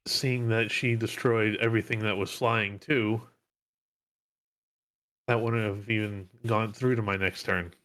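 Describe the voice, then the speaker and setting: A man's voice: lowish voice, steady tone, measured pace, fairly bright tone. A man in voice chat, matter-of-factly explaining the plays he had planned in the game. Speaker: tournament player. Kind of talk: casual voice chat.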